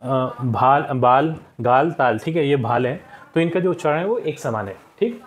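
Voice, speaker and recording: An expressive man with a voice on the high side explains a textbook lesson at a moderate pace. He patiently goes through the answers for young pupils, repeating words and often saying "theek hai."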